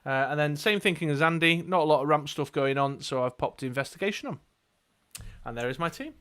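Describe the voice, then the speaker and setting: A man co-hosts a relaxed dice game stream from a gaming table indoors, guiding his team with plenty of fillers and reading card text aloud. His voice sits on the high side and is brisk, slightly bright, clear, and resonant. He comes across as chatty.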